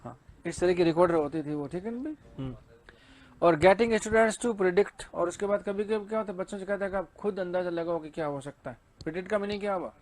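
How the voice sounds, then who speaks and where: A man's voice: sits high, quick pace, darkish tone. A male teacher giving an exam-prep lecture, asking and answering his own questions and reading English lines in a Hindi accent.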